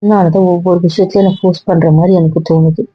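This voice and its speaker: A woman's voice: on the low side, steady tone, fast talker, husky, dry recording. Actress as a young girlfriend, hurt, reproachful, dry sound, slightly dull, web drama. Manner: questioning, reproachful.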